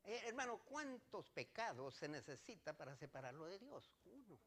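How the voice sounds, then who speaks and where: A male pastor preaching a sermon, firing rhetorical questions at his congregation and swinging between loud declarations and quiet asides. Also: a little high, sing-song, moderate pace, slightly rough.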